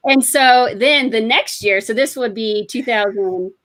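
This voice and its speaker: Speaking unhurriedly in a slightly high, somewhat bright voice, a woman author chats casually in an interview, rambling through her story with plenty of fillers.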